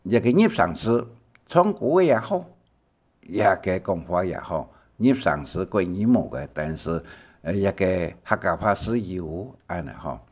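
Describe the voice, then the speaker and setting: Slow, lively-pitched older male teacher. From Taiwan. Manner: slow, rambling explanations with many fillers and repetitions. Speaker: Hakka language teacher. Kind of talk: recorded language lesson.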